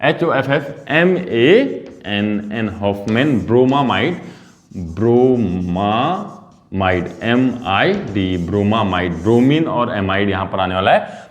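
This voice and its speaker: Animated man teaching chemistry. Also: fairly low pitch. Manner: animated, repeats key words, coaxes students to answer. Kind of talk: classroom lecture.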